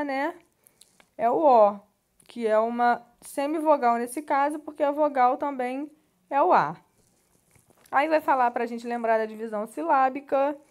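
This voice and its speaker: A high-pitched woman speaks with a Brazilian Portuguese accent as a teacher. She walks students through a textbook page in a patient, explanatory way and checks in with frequent little tag questions. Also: a little mellow. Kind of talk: classroom lesson walking through a textbook.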